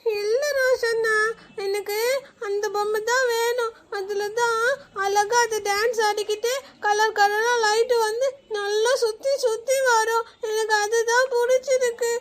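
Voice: steady tone, normal speed, a bit bright. A performer voicing a little cartoon girl who whines and cries for a toy. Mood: crying. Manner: tearful pleading, high squeaky cartoon voice. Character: little girl, whiny and stubborn. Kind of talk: cartoon acting.

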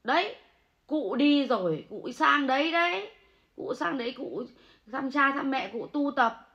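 A woman ranting angrily and scolding, swinging between low muttering and loud outbursts. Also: animated, measured pace. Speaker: angry supporter ranting online. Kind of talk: angry livestream rant. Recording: muffled lo-fi audio.

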